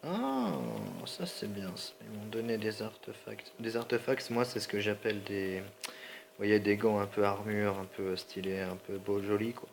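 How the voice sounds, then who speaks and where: At a measured pace, a gaming channel host with a low, gravelly voice, a stuffy nose, and a slightly sore throat gives relaxed gameplay commentary. He keeps apologizing to his viewers between rambling, slangy asides, with a faint hum in the background.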